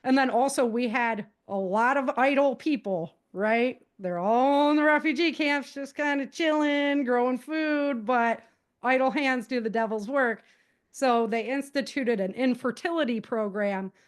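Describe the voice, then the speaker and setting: Speaking in a high, unhurried voice, an American woman talks as a guest author. She tells the story of her novels in a lively, conversational, casual way.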